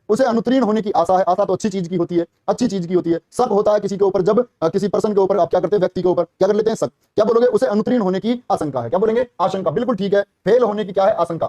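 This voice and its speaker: A man teaching a live online class for a police exam. He quizzes students rapidly, repeats each answer and praises them warmly, calling them brother and child. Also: high voice, dry recording.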